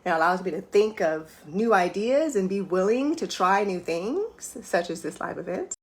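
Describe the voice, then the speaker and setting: A middle-aged woman, a life coach, giving an earnest, emotional faith-based motivational talk and acting out her inner thoughts in higher voices. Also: animated, moderate pace. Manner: earnest and emotional, voice breaking at times.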